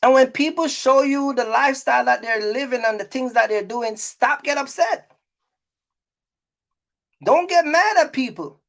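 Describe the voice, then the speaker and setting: At a moderate pace, a middle-aged man with a very high, slightly bright voice and vocal fry speaks casually to his vlog audience. He owns a trucking business and makes content, and he's emphatic and repetitive, often checking that listeners are following.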